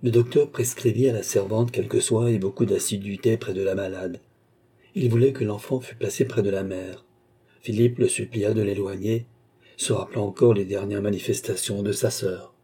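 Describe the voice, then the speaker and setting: Low husky male narrator. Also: moderate pace. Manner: steady literary reading. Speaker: audiobook narrator. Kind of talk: scripted narration.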